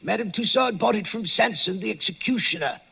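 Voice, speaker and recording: A raspy, nervous old watchman. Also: sits high, a little fast, full character voice. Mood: uneasy. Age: older. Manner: hesitant, hushed, full of "uh"s. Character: old nervous male waxworks night watchman. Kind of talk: 1940s radio acting. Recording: dull old 1940s radio broadcast with music.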